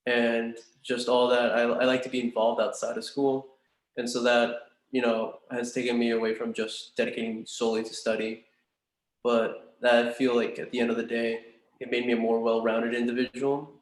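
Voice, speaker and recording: Young man in a big echoey room. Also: mid-range voice. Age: 20s. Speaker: student in a practice job interview. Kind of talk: earnest, formal interview answers. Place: room in a large house. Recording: big echo of a large home room.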